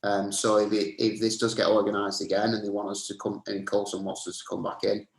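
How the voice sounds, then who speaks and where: A man with a low, gravelly voice talks as a health trainer in a relaxed, casual way, leaning on "um" as he goes. His tone stays flat and even. The call sounds roomy and echoey. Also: a little fast. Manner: easygoing, lots of "um" fillers. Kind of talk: casual advice chat. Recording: roomy echo.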